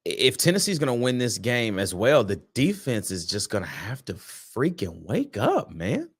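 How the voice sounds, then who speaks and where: This sports podcast host is sleepy and yawning as he casually previews an upcoming game, full of slang, repeated words and restarts. His mid-range voice is husky, swoops wildly in pitch and runs at normal speed.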